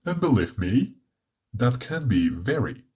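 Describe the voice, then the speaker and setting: A man's voice: mid-range voice, noisy background. A man voicing a cheerful, chatty robot satellite with a robotic, sparkling voice and theatrical delivery. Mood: explaining. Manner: theatrical, lively, drawn-out delivery. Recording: soft music underneath.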